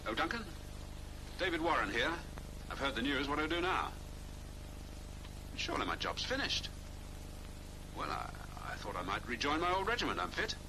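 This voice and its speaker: A brisk British agent who speaks in clipped, decisive phrases. His voice swings widely in pitch, and a hiss runs under the old film soundtrack. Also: very animated. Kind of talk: 1940s film acting.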